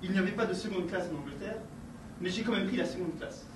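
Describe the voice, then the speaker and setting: Stiff, courteous stage husband, played by a man, quick, far off in an echoey hall. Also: high-pitched, close to an everyday voice. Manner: courtly, fussily exact. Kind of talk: amateur stage acting. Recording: echoey stage from afar, noisy.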